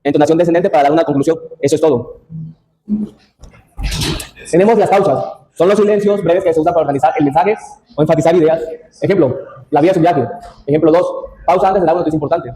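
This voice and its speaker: A man's voice: on the high side, warm tone, low-quality recording. A young man giving a class presentation, reading from his slides with restarts and asides. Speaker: student presenter.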